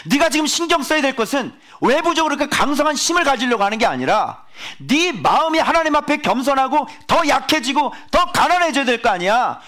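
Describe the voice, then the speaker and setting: A man's voice: very high voice, big pitch swings, fairly quick, hardly any pauses, pushed and bright, pitched above the performer's own voice, full character voice. A man putting on the voice of God rebuking a proud believer, firm and pointed. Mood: stern rebuke. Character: stern fatherly God scolding a proud believer.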